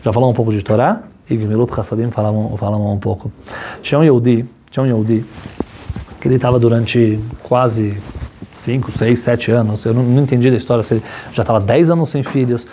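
A man, a religious teacher, telling a story in an animated class, his voice climbing high when excited. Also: a little fast, a little hiss or hum.

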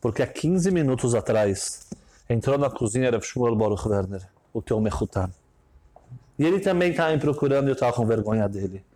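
A man with a Brazilian Portuguese accent gives a storytelling sermon as a religious teacher. Animated, brisk, and warm, he stresses his points by swinging his pitch up and down.

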